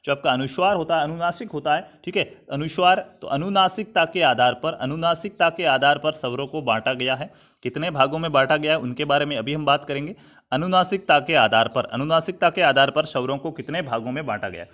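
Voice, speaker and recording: Hindi teacher with a fairly high voice. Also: male voice, fairly quick, fairly bright tone. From Rajasthan, India. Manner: repetitive, checks in with "thik hai" often; addresses students as "saathiyon" and "bhai". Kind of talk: online classroom lesson. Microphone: writing on a digital board while talking.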